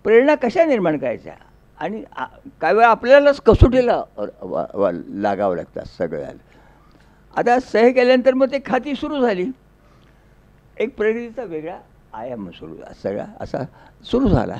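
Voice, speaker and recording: A man's voice: high-pitched, huge pitch swings, normal speed, a little mellow. A man giving a folksy storytelling speech, acting out dialogue in a rural dialect. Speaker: public speaker.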